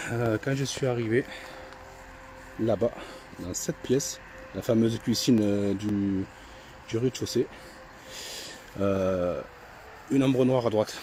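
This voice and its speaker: A middle-aged man filming his own paranormal investigation inside an old house on a handheld camera, talking in a halting way with many restarts. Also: mid-range voice, slight background noise. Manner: hesitant, repeats himself often. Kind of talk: casual vlog narration.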